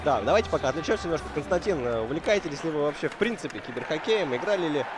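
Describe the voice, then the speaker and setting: Calling an esports hockey match live, a man talks very fast in an expressive, slightly high voice, analyzing conversationally with frequent hesitations. Crowd and venue noise fill the background.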